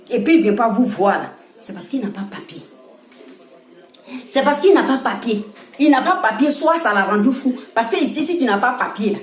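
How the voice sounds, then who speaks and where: A woman with an Ivorian French accent, talking casually and scolding with animated laughs. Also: mid-range voice, echoey room. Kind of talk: casual monologue to camera.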